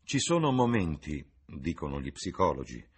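A man reading a novel aloud in a measured, dramatic audiobook narration. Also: extremely low pitch, sing-song, husky. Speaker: reader.

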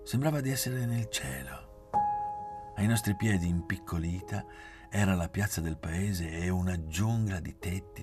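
A man reading a literary novel aloud in a measured, expressive way. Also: deep voice. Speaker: reader.

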